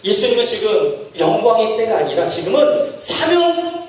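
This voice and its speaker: A man preaches a passionate sermon in a high, lively voice that climbs into shouts. He stands some way from the mic, and a big echo rolls around the church sanctuary. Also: normal speed. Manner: impassioned preaching, voice rising to shouts when acting out prayers. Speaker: pastor. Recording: echoey church hall, mic at a distance.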